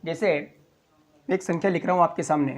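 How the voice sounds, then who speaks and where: A man teaching a school maths lesson, walking through place values slowly, step by step. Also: a little high. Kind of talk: classroom explanation.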